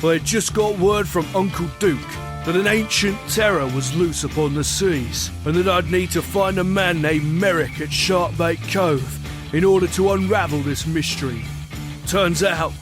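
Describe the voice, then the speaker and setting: A man's voice: high-pitched, natural voice. An actor playing a hearty, boastful pirate captain who tells his sea tales in salty pirate dialect. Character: bearded male pirate captain, hearty, boastful, wistful narrator. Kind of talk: scripted pirate adventure narration.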